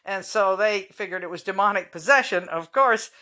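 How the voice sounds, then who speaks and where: A woman's voice: medium pitch, moderate pace, sharp tone. A woman hosting her own podcast, talking in a rambling, frank monologue full of chatty asides. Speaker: podcast host. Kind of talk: casual monologue.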